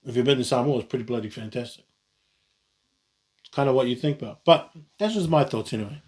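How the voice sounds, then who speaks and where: A vlogger from New Zealand chats solo at a quick pace, with a mid-range, darkish voice. He drifts along, often breaking off to restart or fix his sentences.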